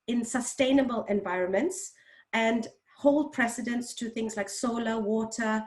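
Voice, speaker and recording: Woman on a video call panel, kinda high voice, halting with lots of uhs. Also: steady tone. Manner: hesitant, halting with fillers. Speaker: panel speaker. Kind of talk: panel discussion.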